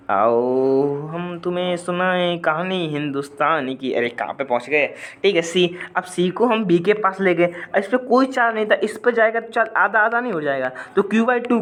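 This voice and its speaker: A man's voice: sits high, a bit bright. A man tutoring physics in a video lesson, talking through worked problems in a chatty, repetitive way and addressing viewers directly. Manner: chatty, repeats points, asks viewers to comment, hums a song line at times.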